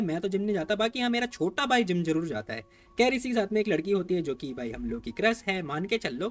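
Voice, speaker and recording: A man recaps a comic story in a quick, high voice that jumps all over. His tone is chatty and casual, and he speaks straight to his viewers as if they were friends. Soft music runs underneath. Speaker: manhwa recap narrator.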